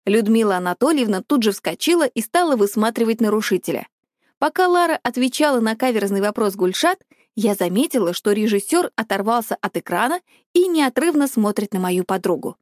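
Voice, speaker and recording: A woman narrates a first-person story with a wry, expressive delivery. Her fairly high voice moves in a lively way through each line. The recording is dry and close. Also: a little fast, dry recording. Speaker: audiobook narrator.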